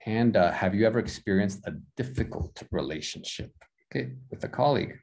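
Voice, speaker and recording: An American man leads an English lesson over a video call. His low voice swings up and down a lot as he praises and gently corrects his students. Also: animated, brisk, creaky. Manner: encouraging, corrects gently and repeats phrases. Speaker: English teacher. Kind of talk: online class instruction.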